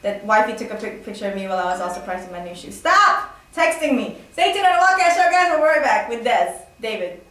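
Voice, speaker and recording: High-voiced chatty woman host, echoey room. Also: sing-song, fairly bright tone. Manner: chatty, laughs often, quick asides. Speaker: show host. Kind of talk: casual interview chat. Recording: echoey room, far from the mic.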